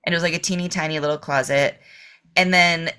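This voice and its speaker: A woman from the Boston area, a podcast guest, chatting casually and telling animated, profane stories packed with "like". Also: lowish voice, a little fast, smooth. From Boston area, Massachusetts. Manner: animated, profane storytelling full of "like". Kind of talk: casual chat.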